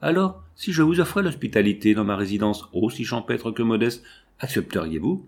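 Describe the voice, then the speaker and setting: A man reading a storybook and voicing a cocky teenage boy with a raspy voice, breezy and mock-ceremonious. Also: lowish voice, lively intonation, fairly quick, darkish tone. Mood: cheeky.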